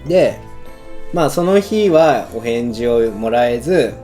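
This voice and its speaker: Over background music, a young husband and father co-hosting a couple's chat tells a story from their dating days, chuckling often. His medium-pitched voice is mellow, with lively intonation and a measured pace.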